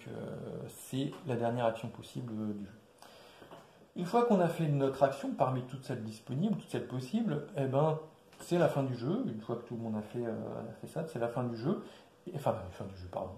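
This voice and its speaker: A man casually walking through a board game's rules, with many fillers and restarts, recorded quietly in an echoey room. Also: slight background noise. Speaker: board game presenter. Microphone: quiet distant mic. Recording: echoey room, low level.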